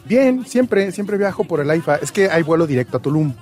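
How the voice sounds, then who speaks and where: A man's voice: on the high side, animated, moderate pace, a little mellow, soft background music. A man chatting casually on a radio show, explaining things at length with plenty of fillers. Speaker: sports segment guest. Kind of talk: casual chat.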